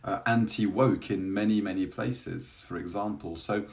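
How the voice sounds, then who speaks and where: Low-voiced man with an English accent. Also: moderate pace, creaky. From France. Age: 30s. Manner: conversational, storytelling. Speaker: church elder. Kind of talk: teaching talk on church history.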